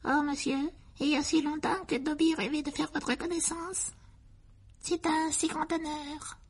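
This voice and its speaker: A performer voicing a tiny, servile male house-elf in an audiobook. The elf squeaks, keeps saying "sir" and talks about himself in the third person. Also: flat delivery, a little slow. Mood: reverent. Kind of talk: audiobook character voice.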